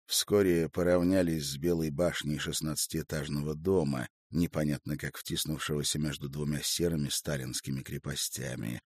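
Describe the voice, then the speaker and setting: Deep-voiced man narrating a novel. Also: steady tone, normal speed, hardly any pauses, husky, dry recording.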